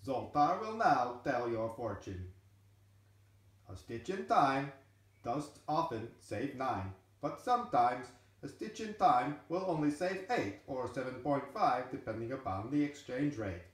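A man's voice: medium pitch, big pitch swings, measured pace. A man voicing a grandiose, greedy male fortune-telling machine that announces itself with self-important flourish. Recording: very echoey room, from a distance.

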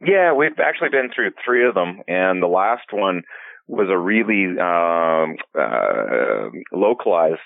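A man, a fly fishing guide and filmmaker, answering in a relaxed podcast interview and rambling through many restarts. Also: deep voice, slow pace, creaky, dry recording. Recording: tinny phone-like line.

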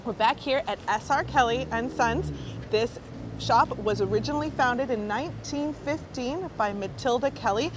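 Woman, food tour guide, chatty, enthusiastic, street noise clearly audible. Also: on the high side, normal speed. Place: outdoors and inside small food shops. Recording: noisy street background.

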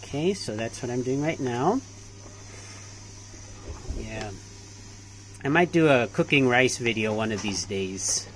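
A young man chatting casually through a cooking demonstration in a small home kitchen, relaxed and full of fillers. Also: medium pitch, takes it slowly, long pauses, slight background noise. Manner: relaxed, hesitant, many fillers. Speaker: cooking vlogger.

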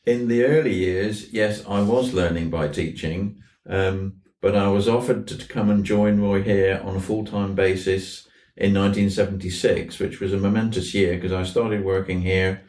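A man in his seventies from southwest England, a fly fishing instructor, reminisces as a guest in an interview inside a tackle shop. His deep-ish, darkish voice is unhurried with fairly even intonation, like a raconteur's. The recording is roomy and echoey, with a slightly distant mic.

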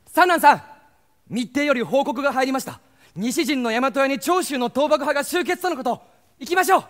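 A man's voice: very high-pitched, animated, brisk, a bit bright, long reverb tail. An actor playing an earnest, eager young male swordsman with an urgent way of talking, on a stage recording with music.

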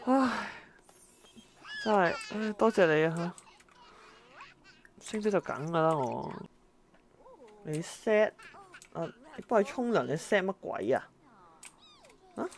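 A woman narrates her own gameplay, her voice sitting a little low. She talks in an exasperated, exclaiming way, scolding the characters on screen as she plays. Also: expressive, takes it slowly, long pauses. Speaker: gameplay commentator. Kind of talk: let's-play commentary.

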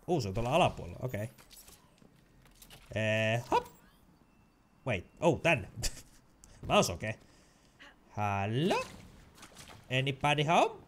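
A man giving excitable let's play commentary while gaming, chatty and full of sound effects. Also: medium pitch, pauses often, a little hiss or hum. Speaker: gamer.

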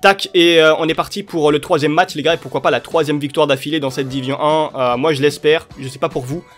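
A young man giving excitable, chatty commentary over his football video game matches, cheering at goals. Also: a little high, fast talker. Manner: excitable, cheers and shouts at plays. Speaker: gaming YouTuber. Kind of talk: live gameplay commentary. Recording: light music underneath.

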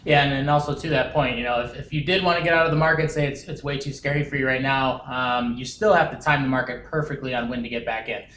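A man's voice: mid-range voice, steady tone, quick pace, few pauses, fairly bright tone, slight background noise. Young guy walking thru market charts, earnest, says um a lot, room echo. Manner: earnest, many "um" fillers. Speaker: director of research. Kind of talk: explaining market data. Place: wood-paneled conference room. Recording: roomy conference room echo.

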